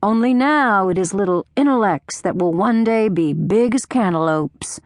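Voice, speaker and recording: A man's voice: high-pitched, moderate pace, no room sound, clean studio sound. A woman voicing an ambitious, affectionate husband raised in rural South Carolina, speaking in an exaggerated rural Southern drawl. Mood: fond.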